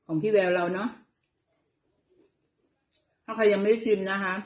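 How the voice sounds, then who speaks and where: A woman's voice: medium pitch, fairly even intonation, moderate pace. A middle-aged woman with an Isan Thai accent chats casually as she eats, chewing while talking and humming over her food. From Thailand. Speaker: host of an eating vlog. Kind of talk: casual chat while eating. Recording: echoey, roomy sound.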